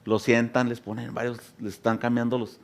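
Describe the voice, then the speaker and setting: A man preaching a sermon as a pastor. He often addresses the congregation as brothers and sisters, and at times his voice rises to loud, impassioned preaching. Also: medium pitch, little pitch movement, a little fast, vocal fry. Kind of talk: Spanish sermon.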